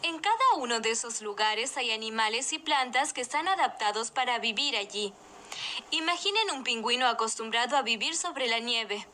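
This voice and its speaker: A knowledgeable female guide in an educational children's video, with a very bright, fairly high voice. She explains patiently and clearly, with some background noise around her. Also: expressive, moderate pace. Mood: patient, explanatory. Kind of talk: scripted educational video dialogue.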